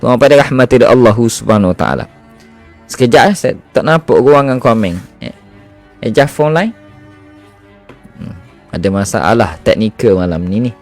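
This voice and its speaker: Animated Malaysian Malay man telling a story. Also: mid-range voice. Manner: animated and expressive, often addressing listeners. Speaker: Islamic healer (ruqyah therapist). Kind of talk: livestream storytelling.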